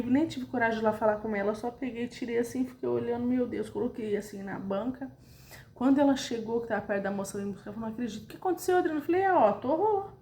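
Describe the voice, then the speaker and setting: Brazilian woman vlogger with a slightly high voice, chatty retelling of a work story. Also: a little mellow, echoey room, slight background noise. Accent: Brazilian Portuguese. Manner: chatty, addresses listeners directly, retells quoted dialogue. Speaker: vlogger telling a personal story. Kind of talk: casual storytelling.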